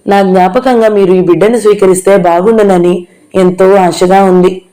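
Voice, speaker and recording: A woman voicing a quiet, gentle young mother who speaks softly and pleadingly. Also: medium pitch, steady tone, moderate pace, lightly acted, rough recording. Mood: sorrowful.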